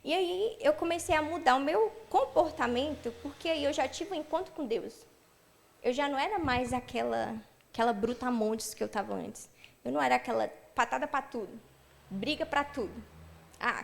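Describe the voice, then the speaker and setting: A young woman giving a personal testimony at church, telling her story with lively acted-out dialogue. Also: sits high, moderate pace, vocal fry.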